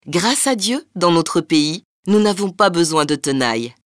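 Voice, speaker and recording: A woman voicing a calm, gentle young boy apprentice in a folk tale, speaking simply. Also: on the low side, measured pace, no room sound, clean studio sound.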